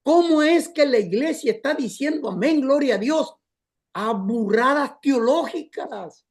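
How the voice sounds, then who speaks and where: A pastor preaching a storytelling sermon, impassioned and addressing the congregation as brothers. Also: male voice, extremely high pitch, expressive, a little slow.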